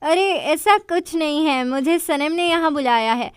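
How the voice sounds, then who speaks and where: A woman's voice: high-pitched, measured pace, dry recording, studio quality. A woman voicing a reassuring young woman. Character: soothing young woman Ayan.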